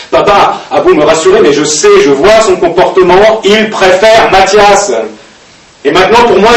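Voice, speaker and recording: A man with a mid-range voice reads a diary aloud, halting and expressive, with the occasional filler. He's recorded from a distance in an echoey room, and there's a faint hiss.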